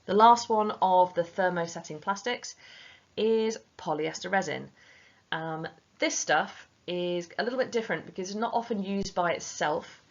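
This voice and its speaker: Female teacher, low and gravelly, informal revision lesson, slightly dull recording. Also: normal speed. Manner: chatty, informal, addresses students directly.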